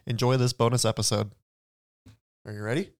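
A man's voice: medium pitch, steady tone, fairly quick, no room sound, studio quality. A man hosting a podcast, reading a friendly scripted introduction and then giving short interview prompts. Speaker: podcast host.

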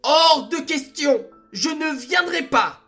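A shrill wicked queen, as a man puts her on. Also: sing-song, measured pace, pushed and bright, faint music behind, heavily acted. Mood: defiant. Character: wicked cruel queen, woman.

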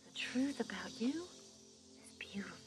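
An actress playing a gentle, reassuring middle-aged mother in a film drama, speaking in a hushed, breathy voice. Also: fairly high pitch, animated, a little slow, whispered. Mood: tender, reassuring. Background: music.

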